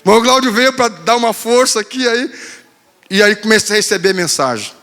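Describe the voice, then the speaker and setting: Pastor telling a funny story in church, bright voice, big hall echo. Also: male voice, sits high, animated, brisk. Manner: storytelling, playful, acting out quotes. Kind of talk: sermon.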